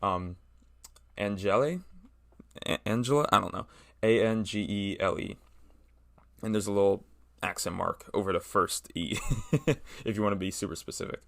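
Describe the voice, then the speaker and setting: A man's voice: low-pitched, flat delivery, moderate pace, gravelly, fairly bright tone, dry recording, studio quality. A man hosting a casual solo music review podcast from a room in a house, rambling with lots of fillers and self-corrections. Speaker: podcast host.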